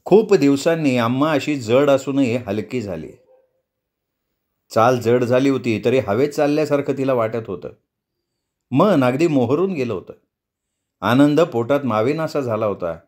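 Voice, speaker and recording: Male audiobook storyteller, middle pitch, measured expressive narration.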